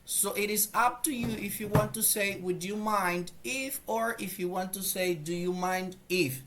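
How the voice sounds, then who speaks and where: A man whose first language is Spanish, teaching an English grammar lesson slowly and deliberately, repeating phrases and often clearing his throat. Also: sits high, noisy background.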